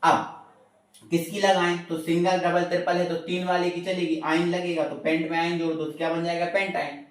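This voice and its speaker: A man's voice: a little high, little pitch movement, moderate pace, distant mic. Echoey, off-mic chemistry teacher man. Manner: repeats questions and answers them himself, addresses students as beta and bhaiya; reassuring, tells students not to worry. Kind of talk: informal classroom-style lesson.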